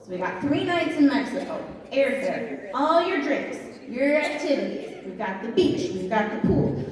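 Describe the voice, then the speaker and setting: A woman's voice: high voice, big pitch swings. Bubbly woman auctioneer, playful and teasing, rattling off bids, recorded far away in a big reverberant hall. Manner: playful, joking, chanting bids in quick repeats. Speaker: volunteer charity auctioneer. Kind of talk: live fundraiser auction calling. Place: large event hall at a fundraiser.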